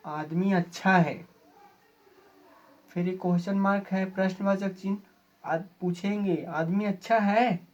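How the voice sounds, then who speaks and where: A male teacher giving a grammar lesson, going slowly and repeating each definition. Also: high-pitched, a little mellow, lo-fi sound.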